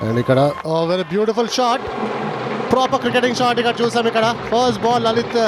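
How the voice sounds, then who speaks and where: A man with a South Indian Telugu accent giving excited cricket commentary, praising play in emphatic short phrases. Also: extremely high pitch, a little fast. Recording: outdoor ground noise behind commentary.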